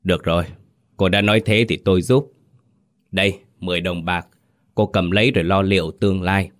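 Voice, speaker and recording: A man's voice: deep voice, steady tone, fairly quick, close to an everyday voice. A man playing a greedy old landowner. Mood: pleased.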